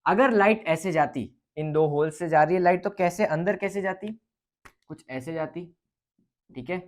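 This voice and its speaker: A man's voice: on the high side, normal speed. Guy teaching physics, chatty, keeps saying "ok" between steps. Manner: casual, repeats "ठीक है" and thinks aloud. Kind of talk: explaining a lecture on light.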